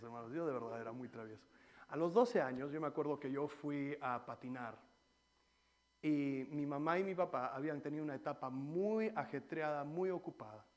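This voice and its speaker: A man preaching a sermon in church, swinging between loud exhortation and quiet personal stories. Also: on the high side. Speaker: pastor.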